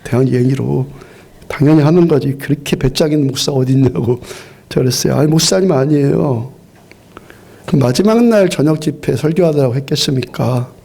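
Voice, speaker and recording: Gravelly, dark-voiced Korean pastor preaching. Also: male voice, mid-range voice, a little fast. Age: middle-aged. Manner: earnest storytelling with frequent restarts and repetitions. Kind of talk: sermon. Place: church sanctuary.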